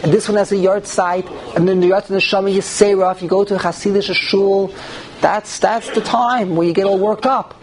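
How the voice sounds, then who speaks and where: A rabbi gives an informal religious class to a group, repeating phrases and asking rhetorical questions. His voice is high-pitched with fairly even intonation at a moderate pace, captured in a noisy live room recording.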